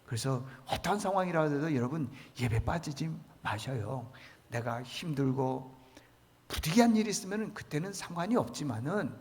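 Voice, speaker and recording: A man's voice: fairly high pitch, lively intonation, normal speed, a little mellow, long reverb tail. A male pastor preaching a sermon emphatically, asking rhetorical questions and repeating key words. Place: church sanctuary.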